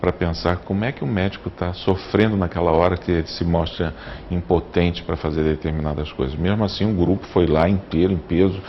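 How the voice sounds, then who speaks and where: A man's voice: deep voice, fairly even intonation, brisk, slight background noise. A man with a Brazilian accent recalling things in an interview. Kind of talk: interview recollection. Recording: dull sound with music behind.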